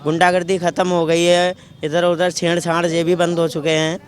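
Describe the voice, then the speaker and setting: A man with a high voice argues his case on the street. He answers back with rhetorical questions. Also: completely flat delivery, moderate pace. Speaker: local resident interviewed on the street.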